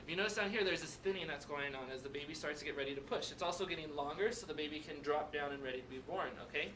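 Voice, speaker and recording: A high-pitched man leads a lively classroom demonstration, constantly checking in with his students. He sounds distant from the microphone, with a noisy room behind him. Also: racing. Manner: animated, checks in with "right?" and "okay?". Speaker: teacher.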